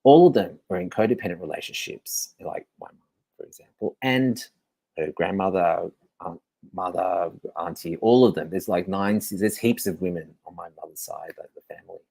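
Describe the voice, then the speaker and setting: Low gravelly man speaking candidly. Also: moderate pace, warm tone, no room sound. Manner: candid, rambling, swears freely. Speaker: host. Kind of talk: confessional monologue.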